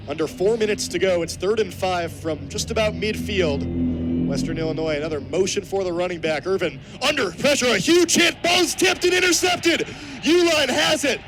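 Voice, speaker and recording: Here an American man in his twenties calls live football play-by-play on the radio in a high voice, though the audio quality is poor. He's broadcasting from an outdoor college football stadium with ambient background noise.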